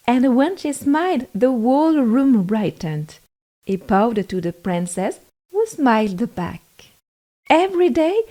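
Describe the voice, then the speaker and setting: In a mid-range voice, a woman narrates a scripted fairy tale for children, telling it in an expressive, deliberate way.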